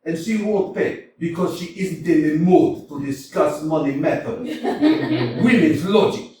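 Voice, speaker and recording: On a small community theater stage, a man reads the part of a blustering, irate middle-aged landowner chasing a debt, ranting and exclaiming as he swings between mutters and shouts. His voice is on the high side, expressive, and unhurried. The theatrical staged reading is recorded from far off in an echoey space with faint hiss.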